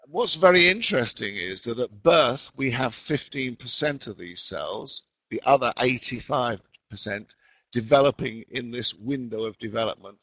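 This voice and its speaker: This is a man of medium pitch teaching over an online call, his explanations slow and deliberate. The dry, dull, lo-fi sound from his remote microphone keeps fading in and out as he presents his webinar lecture.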